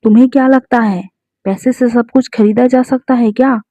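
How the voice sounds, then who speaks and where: A woman's voice: mid-range voice, normal speed, darkish tone, no room sound, natural voice. A woman voicing a proud, fiery young waitress, read out plainly in her own voice. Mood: angry. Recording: dull lo-fi recording.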